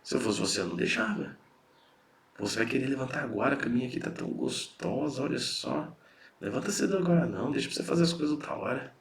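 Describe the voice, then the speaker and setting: Guy doing his lazy inner ego voice, hushed and coaxing, kinda gravelly. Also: medium pitch, lively intonation, fast, close to an everyday voice.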